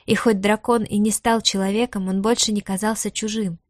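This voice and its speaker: A woman reading a fantasy novel aloud in an even, expressive narration. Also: mid-range voice, a little fast, dry recording, studio quality. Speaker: audiobook narrator. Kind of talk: scripted narration.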